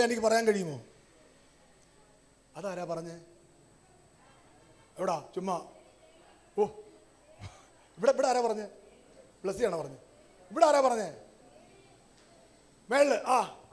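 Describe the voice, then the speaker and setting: A male pastor, preaching a sermon with call-and-response, his voice rising at times to shouts. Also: sits high.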